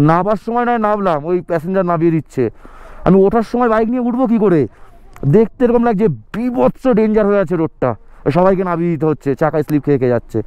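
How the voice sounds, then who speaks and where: A man's voice: sits high, clear, resonant tone, no echo, lo-fi sound. A man filming a motorcycle travel vlog outdoors on a snowy mountain road, commenting anxiously on the slippery ice. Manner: breathless, alarmed commentary on slippery icy road. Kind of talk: casual travel vlog narration.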